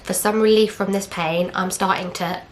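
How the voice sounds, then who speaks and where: A young English vlogger with a mid-range voice tells a personal story candidly in casual chat, speaking at normal speed in a steady tone. She's chatty, uses fillers and acts out what others said through quoted dialogue, with a little hiss or hum audible.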